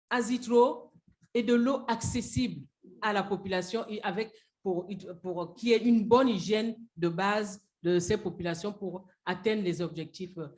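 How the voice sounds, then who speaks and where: A speaker finishing conference remarks in a halting way, trailing off toward the end. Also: medium pitch. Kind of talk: conference talk.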